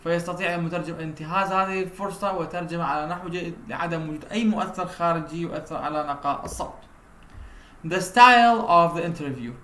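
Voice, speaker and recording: A man's voice: on the high side, sharp tone. Man lecturing in an echoey room. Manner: reads English headings slowly, explains quickly in Arabic. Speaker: university lecturer. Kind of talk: recorded lecture.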